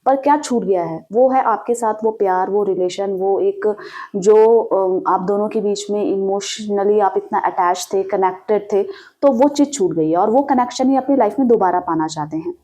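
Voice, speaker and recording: A woman reads tarot cards and talks straight to the listener in a steady, mid-pitched voice. She explains in a reassuring way, poses questions and answers them herself, and adds many small fillers as she goes. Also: normal speed. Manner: addresses the listener directly with rhetorical questions and frequent fillers. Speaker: tarot reader. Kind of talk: direct-to-camera tarot reading.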